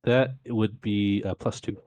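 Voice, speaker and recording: A man's voice: on the low side, fairly even intonation, a little slow, darkish tone, a little hiss or hum. A man chatting casually as a tabletop game player, hesitant and thinking aloud.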